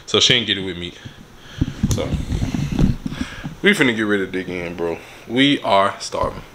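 A man's voice: low-pitched, lively intonation, normal speed, roomy sound, noisy background. A young man hosting a casual vlog from a living room sofa, laid-back but hyping up his viewers. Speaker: vlog host.

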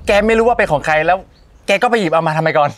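A man's voice: on the high side, rapid-fire, noisy background, lightly acted. An actor playing a smug, condescending young male construction-site supervisor in a short drama. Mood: casual, dismissive. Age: young adult. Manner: condescending, jeering. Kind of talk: acted melodrama dialogue. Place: outdoors at a building site. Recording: music under the voice.

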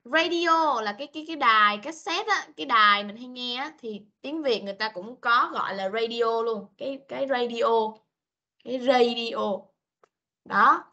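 Bright high-voiced woman teaching kids online. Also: dull audio. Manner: patient, coaxing, switches between Vietnamese and slow English. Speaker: English teacher. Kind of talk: online class for young children. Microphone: video call.

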